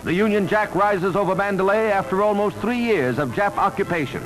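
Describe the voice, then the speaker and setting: A man narrating an old 1940s wartime newsreel in a brisk, emphatic announcer delivery. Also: high voice, poor audio. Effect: old newsreel soundtrack. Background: loud music score.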